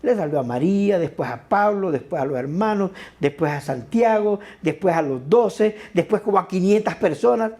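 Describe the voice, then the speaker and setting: Mellow-voiced pastor preaching conversationally. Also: medium pitch, expressive, normal speed, few pauses. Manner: conversational preaching with frequent tag questions; repeats words for emphasis. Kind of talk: sermon.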